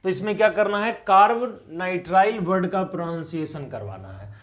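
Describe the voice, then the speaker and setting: A man's voice: sits high, expressive, moderate pace, a bit bright. Male chemistry tutor, drills students with repeated questions. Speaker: chemistry teacher. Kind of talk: explaining on a whiteboard.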